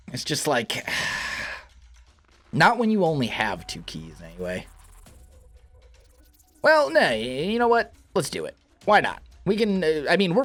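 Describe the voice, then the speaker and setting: Groggy with morning, a let's play host chats casually and thinks aloud while playing a video game, often correcting himself mid-sentence. His voice sits on the high side with a fairly bright tone.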